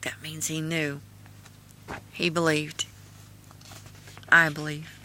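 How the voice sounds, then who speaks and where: Bright, twangy Appalachian-accented woman. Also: sits low, little pitch movement, takes it slowly, a little hiss or hum. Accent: Appalachian-style hillbilly twang. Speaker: video host and author reading own memoir. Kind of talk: casual reading aloud with spoken asides.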